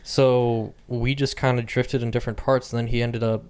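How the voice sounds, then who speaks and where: Young male podcast host, mid pitch, relaxed drawl, easygoing co-host energy. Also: normal speed, a little hiss or hum. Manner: laid-back, drawling, frequent agreeing backchannels. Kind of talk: casual chat.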